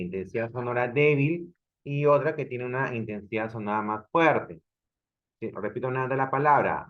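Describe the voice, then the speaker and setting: Patient male grammar teacher, dull recording. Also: mid-range voice. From Peru. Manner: explains step by step, often checks understanding with "ok?". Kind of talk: online grammar class.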